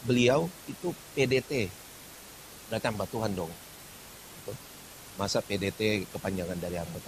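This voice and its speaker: A man preaching a sermon, telling stories with lively shifts. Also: medium pitch, vocal fry, slight background noise, poor audio. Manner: lively storytelling, sings worship lines slowly. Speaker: pastor.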